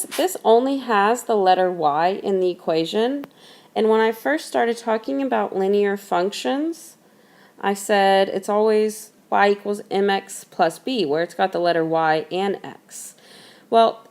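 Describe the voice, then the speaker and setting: A woman math tutor talking through a recorded lesson, patient and methodical, repeating the key points slowly so they can be written down. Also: medium pitch, darkish tone.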